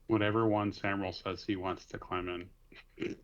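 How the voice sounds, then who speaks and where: A man's voice: low voice, little pitch movement, unhurried, a crowd in the background. A man playing a tabletop game, joking casually about his character's plans, heard through a dull lo-fi mic. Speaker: player.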